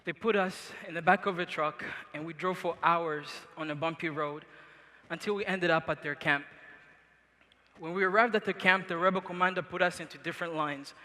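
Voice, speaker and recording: A man's voice: fairly high pitch, moderate pace, pushed and bright. A young man from Congo giving an earnest motivational speech to a large live audience. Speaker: event speaker. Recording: reverberant large arena.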